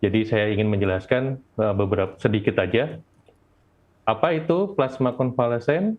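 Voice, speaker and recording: A man's voice: mid-range voice, moderate pace. An Indonesian man presenting informally in a webinar, his voice muffled by a face mask. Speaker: volunteer presenter. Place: at home. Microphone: video call. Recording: dull, lo-fi video call.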